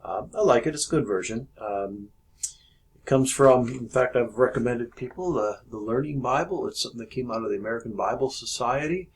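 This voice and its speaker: A man, a pastor, giving a relaxed video devotion, explaining as he goes with many ums and uhs. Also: mid-range voice, fairly quick, slightly rough, poor audio.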